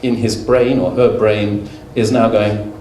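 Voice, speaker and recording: A middle-aged British man speaks at a fairly low pitch, slowly and with a level, dark tone. He gives a conversational, humorous conference lecture full of anecdotes and filler words. The recording comes from an echoey conference hall, with the mic far away and faint noise.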